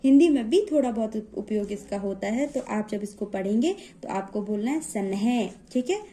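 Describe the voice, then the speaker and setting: A woman's voice: mid-range voice, animated, normal speed, mellow. A woman teaching children to read, patiently drawing out and repeating each example word and often checking that the listener is following. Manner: patient, stretches out example words and repeats them, frequent "okay?" check-ins. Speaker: Hindi teacher. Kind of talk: classroom-style reading lesson.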